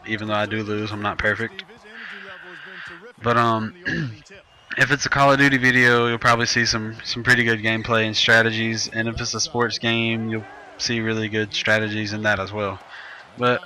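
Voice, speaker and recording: A nineteen-year-old gaming YouTuber chats loosely and rambles over his gameplay, often correcting himself. His medium-pitched voice is bright and forceful. The recording quality is low.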